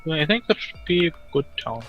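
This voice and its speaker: A man chatting while playing a game, hesitant and pausing on many fillers as he lists things. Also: a little high, very animated, muffled recording, faint music behind. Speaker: co-player. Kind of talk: casual chat while gaming.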